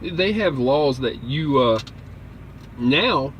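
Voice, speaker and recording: A man's voice: mid-range voice, expressive, extremely slow, fairly bright tone. A man hosting a livestream, chatting casually in a folksy, joking way. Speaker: livestream host, trucker. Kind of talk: casual chat. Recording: faint outdoor vehicle noise.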